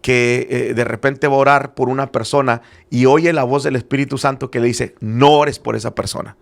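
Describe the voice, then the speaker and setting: A man's voice: mid-range voice, steady tone, normal speed, creaky. A middle-aged man, a church apostle, explaining faith matters in an earnest conversational way, with many hesitant fillers. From Spanish-speaking background, living in Arizona.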